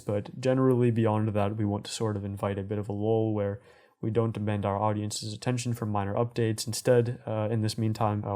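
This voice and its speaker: A man hosting a community update in a conversational way, with measured, corporate phrasing. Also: fairly low pitch, dark tone. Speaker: host of community update show.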